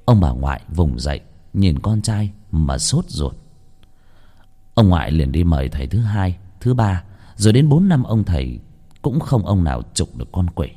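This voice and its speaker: Male horror-story narrator, fairly low voice, very lively intonation. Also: normal speed, long reverb tail.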